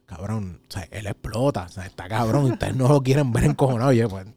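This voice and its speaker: A Puerto Rican man in his thirties, a podcast host, telling a story in casual chat and acting out his own shouts. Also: lowish voice, quick pace, slightly rough. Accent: Puerto Rican Spanish.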